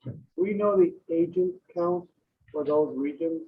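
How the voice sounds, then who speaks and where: Guy on a video call, tinny tin can sound, kinda phone-like, polite quick question. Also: on the high side. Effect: tinny, muffled audio, like talking into a can. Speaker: meeting participant. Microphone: poor computer mic on a video call. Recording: tinny, phone-like call audio with faint noise.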